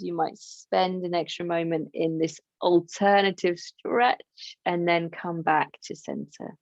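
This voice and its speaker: Gravelly-voiced woman guiding a yoga class. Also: medium pitch, no echo, muffled recording. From England. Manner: gentle, encouraging, chatty asides. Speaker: yoga teacher. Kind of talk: guided yoga class instruction.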